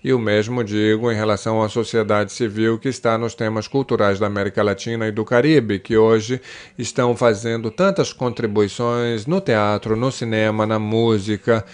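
A man voices a simultaneous interpretation of a panel discussion in a fairly low, steady, clean voice. He is measured, pausing often with fillers and restarts.

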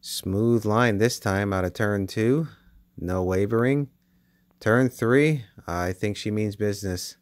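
A man giving play-by-play commentary on toy car races as the channel host, with bursts of excitement at close finishes. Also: on the low side, slow, no room sound. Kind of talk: race commentary. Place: basement with toy race track.

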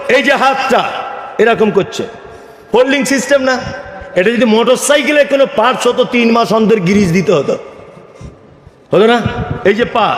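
A man's voice: extremely high pitch, a bit bright. A man from India preaching a sermon, firing rhetorical questions at the crowd and calling for their answers. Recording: echoey hall with long reverb.

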